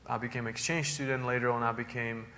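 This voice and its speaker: A man with a Czech accent speaks earnestly to a congregation in a flat, even tone. His voice is bright and forward, and a long reverb trails each phrase in the church hall. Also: medium pitch, fast. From Czech Republic. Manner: earnest, with frequent "uh" fillers and restarts. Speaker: visiting missionary.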